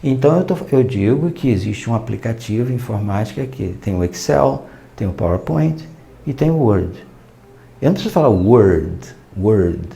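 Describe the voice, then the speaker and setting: A Brazilian man teaching a recorded lesson, his voice dark and mellow with a gravelly edge. He explains patiently, stopping to act out little quoted dialogues as examples. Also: mid-range voice, expressive, moderate pace. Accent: Brazilian Portuguese. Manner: explanatory, quoting and acting out small dialogues.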